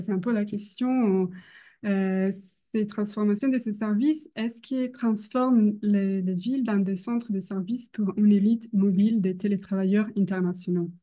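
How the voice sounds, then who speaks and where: A young woman with a foreign accent, a non-native speaker, gives an academic presentation hesitantly, often pausing to search for words. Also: mid-range voice, dark tone. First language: not French. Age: young adult. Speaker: doctoral researcher presenting.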